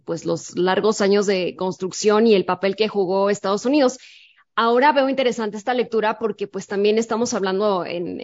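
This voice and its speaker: Podcast co-host, woman, casual book chat, slightly lo-fi. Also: medium pitch.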